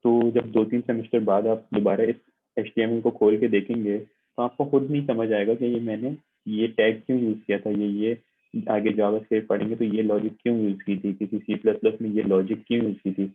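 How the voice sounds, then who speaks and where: Man, lab instructor, online lecture, patient step-by-step explaining, husky voice, narrow tinny audio. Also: fairly low pitch, flat delivery, moderate pace. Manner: patient, repetitive explaining with frequent check-ins. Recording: tinny, phone-like narrow sound.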